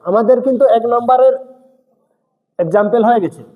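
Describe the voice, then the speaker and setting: A man's voice: very high-pitched, brisk, phone-quality sound. A male teacher giving a grammar lesson, speaking straight to his students and checking again and again that they follow. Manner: speaks directly to students, mixing in English terms. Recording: echoey room with long reverb.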